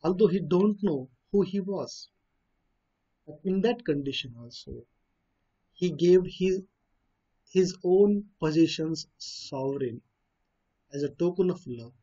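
A man's voice: a little high, animated, slow pace, long pauses, warm tone, slightly rough. Hesitant man retelling a story. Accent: Indian English. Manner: hesitant, many uh fillers and restarts. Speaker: teacher explaining a story. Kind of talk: reading and explaining a story. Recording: dull lo-fi recording.

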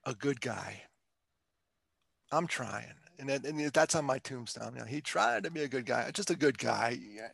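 A man's voice: medium pitch, expressive, moderate pace, creaky, a bit bright, breathy edge, no room sound. An older man, a motivational speaker, telling candid stories and joking with frequent laughs in a casual podcast interview. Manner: jokey, laughs often, candid storytelling.

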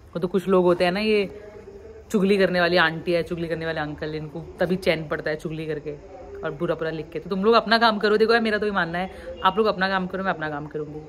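Her voice sits on the low side and she talks fast, with a little hiss or hum in the recording. She is a twenty-something vlogger from the Uttarakhand hills in India, frankly venting her frustration to camera with English phrases sprinkled in.

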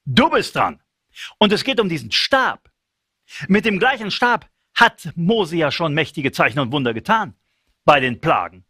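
A man preaching a sermon, emphatic and animated, acting out the lines he quotes. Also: a little high, moderate pace, husky, no room sound, clean studio sound.

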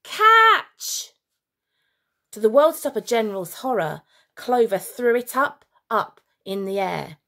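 A woman teacher reading a children's story aloud with expressive storytelling. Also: mid-range voice, normal speed, creaky.

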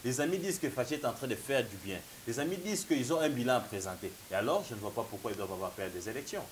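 Very fast and with lively intonation, a mid-range male voice argues emphatically in a political talk show debate, repeating "mon cher ami" as he gestures. He's a political analyst in his thirties with a Congolese French accent and a slight cold. A lapel mic captures it in a rough recording with faint hiss.

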